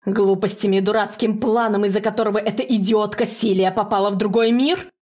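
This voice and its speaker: Woman playing a hoarse, hissing dark sorceress. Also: medium pitch, steady tone, brisk, lightly acted. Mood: cold scorn. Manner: hissing, commanding, menacing. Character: hoarse cold scheming sorceress mother, older woman.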